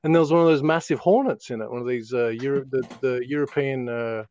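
A man's voice: medium pitch, quick pace, a little mellow, muffled recording, a little hiss or hum. A middle-aged man with a broad Australian accent, telling rambling stories in casual, sweary, slang-filled chat.

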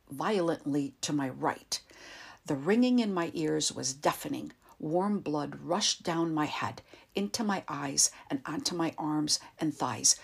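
A woman reading an audiobook in a calm, measured way, sometimes dropping to a soft whisper. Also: deep voice, creaky, husky. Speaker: narrator. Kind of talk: audiobook narration.

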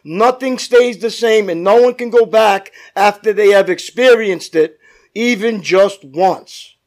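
High-voiced man preaching at a pulpit mic. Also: measured pace. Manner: calls out for amens from the congregation. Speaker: pastor. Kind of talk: sermon.

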